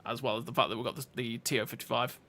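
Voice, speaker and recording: A man's voice: mid-range voice, steady tone, a bit bright. A man giving casual gameplay commentary, chatty and thinking aloud as he plays. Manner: chatty, thinks aloud with restarts and quick reactions.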